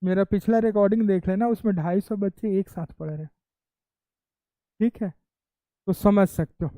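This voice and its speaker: A man's voice: sits high, fairly even intonation, moderate pace, warm tone, no echo. A male chemistry teacher giving a classroom lecture, constantly quizzing students, repeating their answers back and teasing them playfully.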